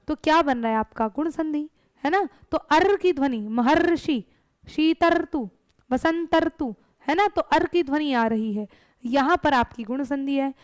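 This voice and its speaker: High-voiced woman teaching grammar, asking and answering. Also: no echo. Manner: explains step by step, asks questions and answers them herself. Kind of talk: exam-prep lesson.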